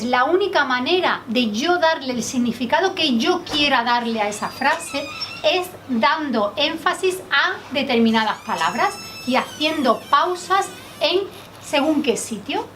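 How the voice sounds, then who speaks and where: A woman from Spain leading a public speaking workshop in a training room, lively and quizzing the group with questions. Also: sits high. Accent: Spanish from Spain. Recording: distant mic, faint background noise.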